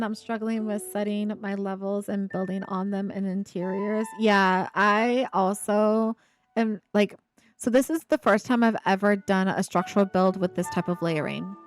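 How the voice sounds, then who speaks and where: A woman from Ohio speaks with a subtle Appalachian-tinged accent at a middle pitch, her slight speech impediment showing on some words. She chats playfully with viewers as she builds, teasing back and laughing easily. Faint music runs underneath her voice. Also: steady tone, unhurried. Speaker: streamer. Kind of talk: casual live-stream chat while building.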